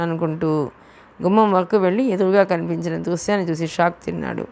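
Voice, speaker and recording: A woman's voice: lowish voice, a little mellow. A woman reading a novel aloud as an audiobook narrator, steadily telling the story and voicing the dialogue herself.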